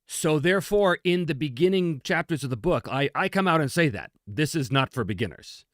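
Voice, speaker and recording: Fairly quick and animated, with a fairly high, slightly bright voice, a host who also designs games and runs them as game master leads a casual tabletop gaming session of questions and answers. His manner is emphatic, conversational and self-deprecating, in a dry, clean studio recording.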